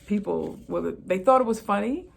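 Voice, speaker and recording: A woman's voice: mid-range voice, expressive, moderate pace, vocal fry, husky. A middle-aged woman, a retired police officer, telling stories in a casual monologue and repeating phrases for emphasis.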